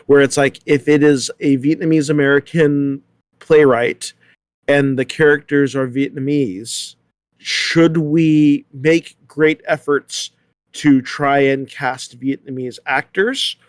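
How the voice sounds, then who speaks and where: A theater company leader speaks casually on a panel, thoughtfully circling back over his points as he works through them. His voice is on the high side with fairly even intonation and a slow pace. The recording is dry.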